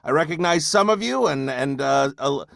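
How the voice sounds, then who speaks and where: Relaxed rambling man from Hawaii. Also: a little high, normal speed, gravelly, no room sound. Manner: relaxed and rambling, with frequent fillers and restarts. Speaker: voice actor guest. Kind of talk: casual webinar talk.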